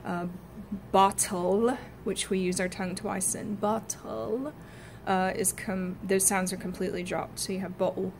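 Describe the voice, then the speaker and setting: A woman's voice: mid-range voice, little pitch movement, moderate pace, a little hiss or hum. A woman acting student thinking aloud about accent work, chatty and casual, with many fillers and short sound demonstrations. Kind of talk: casual spoken practice notes.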